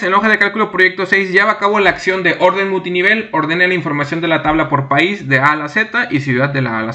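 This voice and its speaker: A young man teaching a screen-recorded software tutorial, reading each task aloud and then narrating his clicks step by step at a desk mic. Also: on the high side. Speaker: instructor.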